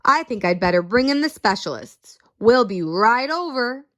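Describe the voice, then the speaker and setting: A woman voicing a fussy male doctor in a storybook, speaking in a measured way and rattling off symptoms. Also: on the high side, expressive, a bit bright. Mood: businesslike.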